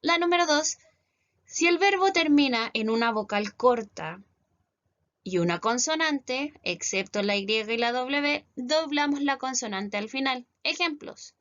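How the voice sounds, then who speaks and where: In this lo-fi recording, a woman with a Chilean accent teaches an English class one step at a time. She frequently checks her students' understanding with "¿cierto?" Her voice is high-pitched and a bit bright.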